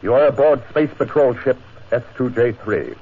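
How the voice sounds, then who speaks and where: An actor playing a calm, commanding alien space captain in a 1950s radio drama, with formal, measured delivery. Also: male voice, mid-range voice, husky. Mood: calm authority. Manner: formal, measured, authoritative declarations. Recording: muffled, noisy 1950s radio recording.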